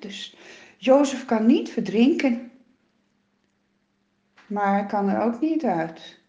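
A woman telling a children's Bible story in a slow, expressive way, with dramatic rises and falls. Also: on the high side. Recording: roomy, dull lo-fi sound.

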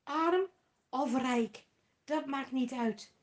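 A woman's voice: high-pitched, drawn-out words. A woman telling a Bible story to children, emphatic, asking questions and answering them herself.

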